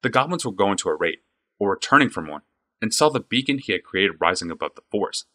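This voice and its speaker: A man narrating a fantasy audiobook with an expressive, varied delivery. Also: lowish voice, fast talker.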